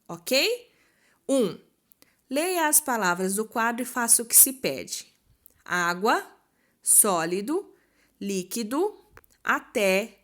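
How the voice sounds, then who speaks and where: A Brazilian woman teaches a recorded lesson at a middle pitch, patient and explanatory. She stretches words out slowly to show which syllable is strongest. Now and then she puts on a pupil asking a question. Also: a bit bright. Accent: Brazilian Portuguese. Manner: voices imagined pupils' questions.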